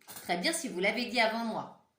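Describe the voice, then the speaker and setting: A woman teacher slowly dictating words syllable by syllable to young children, encouraging and patient. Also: a little high, sharp tone, echoey room, slight background noise. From France. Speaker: primary school teacher.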